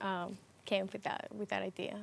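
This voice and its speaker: Soft-laughing woman from Ecuador. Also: mid-range voice, level tone, a little fast, gravelly. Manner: hesitant, with restarts and soft laughs. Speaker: interview guest, TV producer and host. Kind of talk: casual interview conversation.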